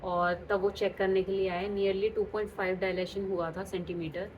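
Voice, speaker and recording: A woman's voice: mid-range voice, level tone, normal speed, muffled recording, noisy background. A young woman vlogger telling a personal story in an emotional way, mixing Hindi and English.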